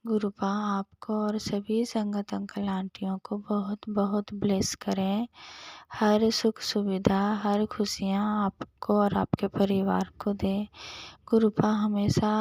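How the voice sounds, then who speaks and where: A woman in her thirties, an earnest devotee telling a personal dream story in a soft, storytelling voice that sometimes falls to a near whisper. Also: mid-range voice, no echo. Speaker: devotee sharing a satsang testimony.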